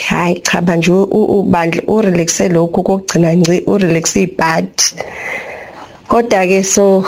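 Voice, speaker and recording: A woman's voice: medium pitch, darkish tone. A woman with a Zulu accent leaving a casual, chatty message as a radio listener.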